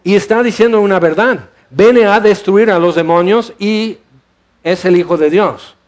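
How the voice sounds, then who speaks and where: A man's voice: sits high, a little slow. A man preaching a sermon in a church hall, asking rhetorical questions and explaining scripture with animation. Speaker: pastor.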